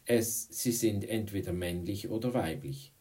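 A man voicing a friendly, witty female teacher in an audiobook, with a raised, lively voice. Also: lowish voice, a little slow, distant mic. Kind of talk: audiobook reading.

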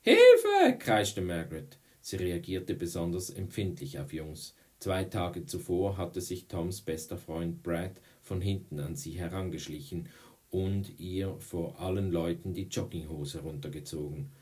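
A man's voice: sits low, steady tone, a little slow, dark tone. A man reading a children's novel aloud, often slipping and correcting himself. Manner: frequent slips and self-corrections. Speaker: reader.

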